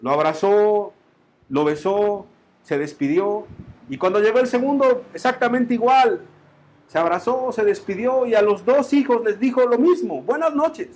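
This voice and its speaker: A man's voice: sits high, moderate pace, a little mellow. A man preaching a sermon in a Colombian accent, telling a story with emphatic repetition and rising and falling intensity. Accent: Colombian Spanish.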